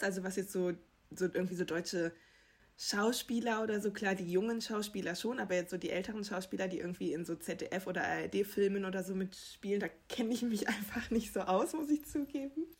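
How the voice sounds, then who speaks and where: Young female reporter, slightly husky, chatty self-mocking storyteller. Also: mid-range voice, brisk. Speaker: TV entertainment reporter. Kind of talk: casual interview answers, anecdotes.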